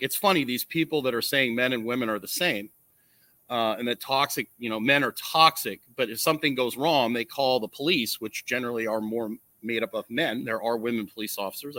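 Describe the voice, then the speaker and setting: A man wearing a nasal strip hosts a casual livestream, talking earnestly and explaining his views, often checking in with a quick "right?" or "okay?". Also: mid-range voice, sharp tone, dry recording. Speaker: livestream host, coach. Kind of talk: casual livestream monologue, opinion talk. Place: outdoors.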